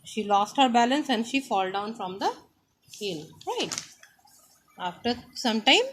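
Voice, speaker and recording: Woman teacher for a first-grade reading lesson, slow and deliberate, checks in with "right?" after each point. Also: fairly high pitch, animated, a bit bright, slight background noise. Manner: slow, explains words and keeps asking "right?". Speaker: primary school teacher. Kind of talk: online class lesson.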